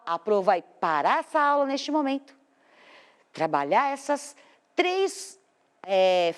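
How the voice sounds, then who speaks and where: A Brazilian woman with a slightly high voice leads a children's lesson from a studio. She talks slowly and with lots of melody, pausing to stretch out the stressed words. Her tone stays patient and explanatory throughout. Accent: Brazilian Portuguese. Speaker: teacher.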